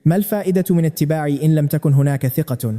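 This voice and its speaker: Brief: a man voicing a calm, assured male commander, warm to his troops, fast delivery in a long-echo room. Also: fairly high pitch, close to an everyday voice.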